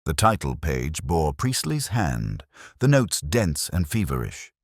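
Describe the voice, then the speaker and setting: Narrating a first-person detective tale, this man has a very low, rumbling voice whose pitch swoops wildly, though his delivery stays measured and reflective. He's recorded close and dry.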